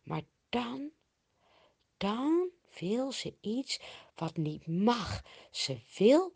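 A woman tells a Bible story to children at an unhurried pace. Her voice dips to a hush and then rises again, with plenty of lively movement in pitch. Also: vocal fry, breathy edge. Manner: slow, expressive, swinging from hushed to loud.

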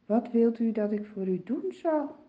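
A woman voicing a kind grown man who speaks calmly and lovingly, on a dull lo-fi recording. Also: a little high, a little slow, slight background noise. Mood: gentle. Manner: calm and loving.

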